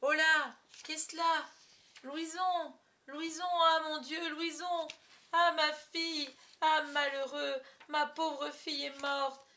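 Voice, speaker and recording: A woman's voice: fairly high pitch, animated, moderate pace, a bit bright, far from the mic. A woman voicing an aging actor playing a fussy sick father, with a frantic, wailing, stagy lament, in a storybook reading.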